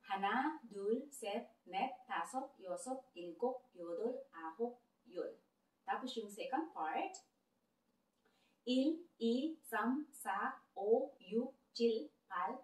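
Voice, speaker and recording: A woman language teacher leading a counting drill, reading number lists aloud carefully and deliberately. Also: medium pitch, recorded from a distance. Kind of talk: slow counting drill lesson. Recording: roomy echo, voice away from the mic.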